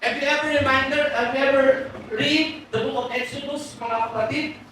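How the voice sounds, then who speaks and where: A Filipino male pastor preaches in a very high voice, switching between Tagalog and English as he tells stories with animation. He is recorded from far off in a strongly echoing church hall, with faint noise in the background. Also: steady tone, normal speed, bright, forceful tone. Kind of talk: sermon.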